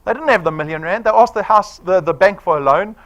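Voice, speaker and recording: Fast-talking and high-pitched, a man in his forties works a live audience with a sales presentation. He stays animated and persuasive, frequently throwing out "right?" to check in with listeners.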